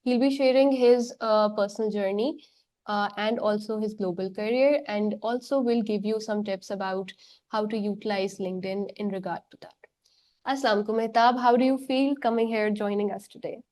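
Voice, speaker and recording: A Pakistani-accented woman hosting an interview while unwell, with a thin, squeaky voice, switching between English and Urdu. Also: fairly even intonation, fairly quick, darkish tone. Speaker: podcast host.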